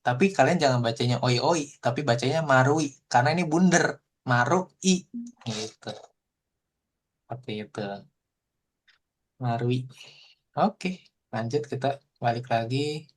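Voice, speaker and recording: A man teaching a Japanese language class online, explaining in a relaxed, chatty way full of fillers. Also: mid-range voice, measured pace, long pauses, husky. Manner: explains in relaxed casual Indonesian with frequent fillers.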